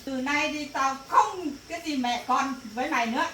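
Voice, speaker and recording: The recording, echoey and distant with faint noise, captures a woman playing an angry rural mother in a family drama. She scolds her daughter in a high voice at normal speed, breaking into bursts of shouting.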